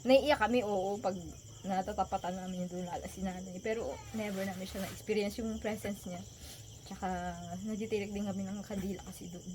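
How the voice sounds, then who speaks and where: A woman telling a personal story in a soft, halting voice, close to tears. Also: mid-range voice, fairly even intonation, noisy background. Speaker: vlogger and co-host.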